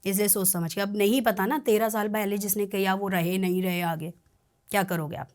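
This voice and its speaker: A woman, a tarot reader and spiritual practitioner, telling a client's story on a podcast in an earnest, animated way, often checking that the listener follows. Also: medium pitch, moderate pace.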